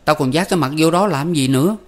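A man voicing a gruff young village man who grumbles bluntly, with a Southern Vietnamese accent. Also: on the high side, fast talker, voice pushed up, natural voice. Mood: grumbling.

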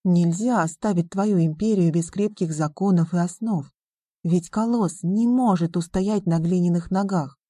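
Woman narrator doing a devoted male counselor, earnest, gently persuasive, low mellow voice. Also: normal speed, dry recording, natural voice. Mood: pleading. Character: loyal male friend and counselor, earnest, pleading.

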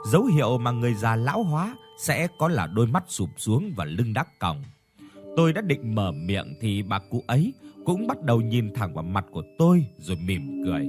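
Man telling a ghost story, lively pitch. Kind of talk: scripted ghost story narration.

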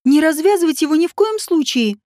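A woman's voice: high voice, lively intonation, warm tone, no room sound, studio quality. Woman reading an anxious, pleading woman. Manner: pleading, hurried.

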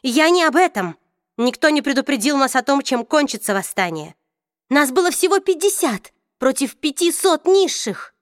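A woman's voice: high-pitched, lively intonation, normal speed, no room sound, clean studio sound, voice pushed up. A woman reading an audiobook, voicing a bitter, proud middle-aged woman who accuses and argues intensely. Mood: bitter, heated.

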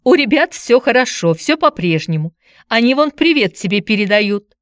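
A woman doing a shrill fussy aunt. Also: very animated, normal speed, no echo, clean studio sound. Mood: falsely cheerful. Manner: shrill, shouting and rattling words off. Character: fussy protective middle-aged aunt, shrill and quarrelsome.

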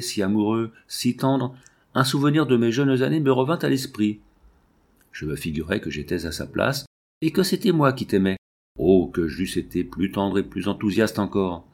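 A melancholy, reflective aging poet, read by a man in an audiobook muses in earnest. His voice sits low. The delivery stays measured and heartfelt. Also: a little mellow. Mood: yearning. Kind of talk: audiobook reading.

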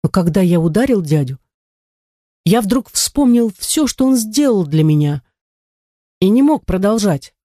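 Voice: mid-range voice, sing-song, measured pace, pauses often, dark tone, no room sound, studio quality, voice pushed up. A reader voicing an earnest teenage boy who confesses with remorse. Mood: remorseful.

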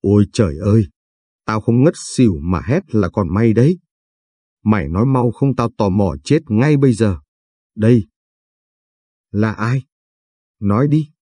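A man voicing a brash, excitable young woman who fires off blunt questions in slangy talk. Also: lowish voice, breathy edge, dry recording, clean studio sound. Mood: excited. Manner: blunt, rapid-fire questions, crude slang.

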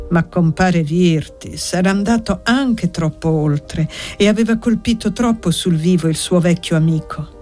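A woman reading a classic novel aloud in a measured, steady storytelling manner. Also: fairly low pitch. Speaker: audiobook reader.

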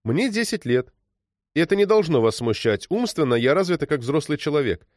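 A man voicing a stubborn, tearful ten-year-old girl who pleads in a high voice. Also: lively intonation, fairly quick, no room sound, studio quality, lightly acted. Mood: coaxing.

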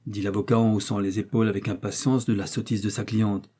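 A man reading a classic mystery novel aloud as an audiobook narrator, in a measured, even storytelling manner. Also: on the low side, husky. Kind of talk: scripted narration.

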